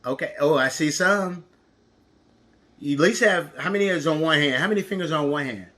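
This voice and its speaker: A man's voice: fairly high pitch, moderate pace, sharp tone. A man teaching an interactive counting lesson to young children, encouraging, with exaggerated reactions and lots of questions.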